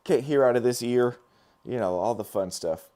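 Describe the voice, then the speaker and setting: A middle-aged man, voice hoarse and going, chats loosely with live stream viewers while working as a dental lab technician, full of fillers and restarts. He has a medium pitch, a dark tone and a moderate pace.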